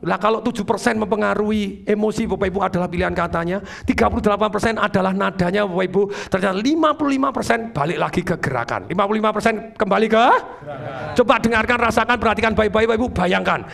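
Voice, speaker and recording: A man giving an energetic motivational seminar talk, drawing call-and-response from the audience and addressing them formally again and again. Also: sits high, vocal fry. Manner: acts out tones of voice to make points. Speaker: motivational speaker.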